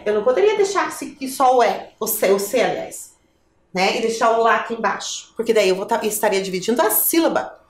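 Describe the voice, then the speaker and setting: Brazilian woman teaching kids, patient and questioning, bouncy sing-song voice, roomy echo. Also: sits high. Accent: Brazilian Portuguese. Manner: patient, asks the viewer questions. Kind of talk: classroom lesson for children.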